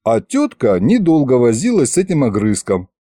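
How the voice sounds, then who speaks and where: A man reading an audiobook in the first person, telling the story in a lively, wry way. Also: medium pitch, normal speed, no echo, clean studio sound. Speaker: audiobook narrator.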